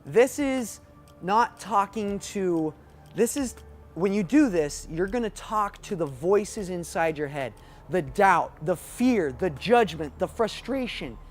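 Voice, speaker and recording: A fervent male coach pushes his listeners with emphatic, preachy urgency. His voice sits notably high for a man. A faint wash of music plays under his talk. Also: animated, slow pace. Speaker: business coach.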